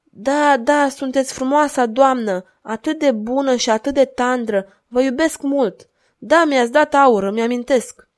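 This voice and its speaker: A woman's voice: high-pitched, pitched above the performer's own voice, lightly acted. A woman reading aloud and voicing a fragile, grieving madwoman with a pleading, tremulous way of speaking. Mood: wistful.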